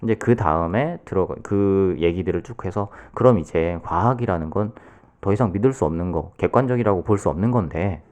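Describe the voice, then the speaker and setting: A man co-hosting a podcast, talking quietly and explaining a book at length in casual chat, with many fillers. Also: sits low, fairly quick. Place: podcast studio.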